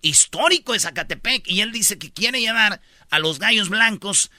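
Bright, high-pitched Mexican man bantering as host. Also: lively intonation, moderate pace, no room sound, clean studio sound. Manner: joking, slangy, with mock-quoted voices. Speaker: show host. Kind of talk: comedic talk-show banter.

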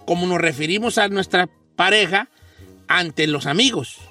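A man hosting a comedy radio show, telling stories and teasing his co-hosts in an animated, playful way. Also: high voice, moderate pace, far from the mic, soft background music.

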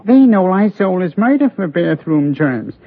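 High gravelly cartoonish germ, whiny and sorry for itself, tinny old radio sound. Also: male voice, sing-song, unhurried, heavily acted. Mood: self-pitying. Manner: whiny, mournful complaining. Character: self-pitying male bathroom germ. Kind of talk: 1950s radio ad comedy sketch.

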